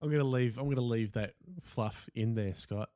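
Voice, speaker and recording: A man's voice: medium pitch, moderate pace, warm tone, no echo, studio quality. An Australian man hosting a podcast, chatting in a mock-serious, teasing way over a call from home. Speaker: podcast host. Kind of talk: casual comedic chat.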